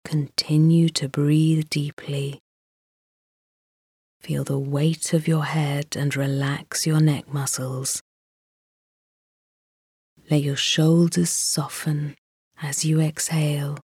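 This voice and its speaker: A woman guiding a sleep meditation, speaking softly and soothingly and often dropping into a whisper. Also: deep voice, little pitch movement, slightly rough, no room sound, clean studio sound. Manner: slow, soft, soothing, drifting into whispers. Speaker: meditation guide.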